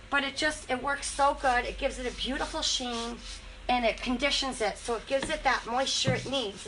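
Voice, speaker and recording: Hosting a furniture painting livestream, this Western Massachusetts woman has a cold that leaves her slightly congested, yet she stays chatty and enthusiastic in her casual demo. Her voice sits high with a sharp tone, and the poor audio carries a little hiss or hum.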